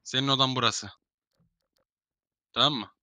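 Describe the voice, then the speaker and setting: A man's voice: mid-range voice, steady tone, moderate pace, bright, forceful tone. A young man in casual game voice chat, bossily herding players into rooms and swearing. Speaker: gamer streamer.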